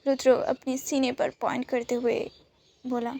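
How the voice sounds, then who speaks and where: High-voiced woman reading a romance story. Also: flat delivery, a little slow, creaky, mellow. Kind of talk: scripted narration of a romance story.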